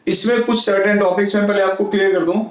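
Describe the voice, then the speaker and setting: High-voiced Indian maths teacher, echoey room. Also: male voice, level tone, fast talker. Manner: explains step by step, repeats key points, calls students "beta". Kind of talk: classroom lecture.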